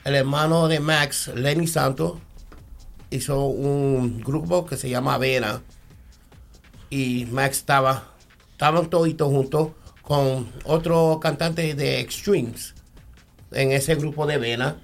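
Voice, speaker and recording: A guest in an interview, born in New York and raised in the Bronx, tells his story in a creaky, mid-range voice with a Puerto Rican accent as soft music plays. He speaks haltingly, repeats words, and keeps asking "¿entiende?" to check he's understood.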